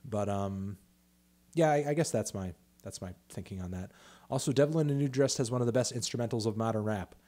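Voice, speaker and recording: A man's voice: on the low side, brisk, dark tone. Profane, rambling man hosting a livestream Q&A. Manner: loose, profane, rambling with fillers and restarts. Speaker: music critic host answering viewer questions. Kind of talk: casual livestream Q&A.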